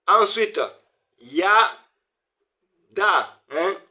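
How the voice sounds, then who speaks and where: Man, Quran reading teacher, very slow and deliberate, sounds out each syllable, patient drilling. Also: high-pitched, lively intonation, bright, forceful tone. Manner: sounds out words syllable by syllable, repeating them; greets viewers as brothers and sisters. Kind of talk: beginner Arabic reading lesson.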